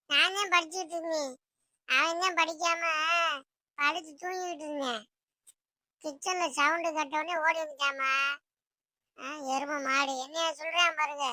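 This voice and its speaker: A squabbling cartoon girl, voiced by a woman, tattles on her brother in a very high, bright voice. The sound is close and dry, with no room around it. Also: dry recording. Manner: bickering, tattling.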